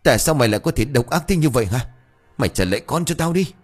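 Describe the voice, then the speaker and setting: A man voicing a grieving, furious older village man who shouts curses and mocks bitterly. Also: fairly low pitch, lively intonation, brisk, breathy edge, faint music behind. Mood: raging.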